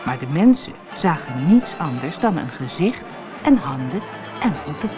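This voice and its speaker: A woman from the Netherlands reading a children's fairy tale aloud with expressive storytelling. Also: low voice, normal speed, over music. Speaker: narrator.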